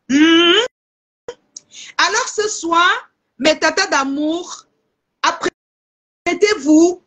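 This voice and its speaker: Cameroonian lady doing a live sale, high voice, french accent, chatty with her viewers. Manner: lively, addresses viewers as aunties. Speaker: live seller. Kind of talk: casual live-stream sales chat.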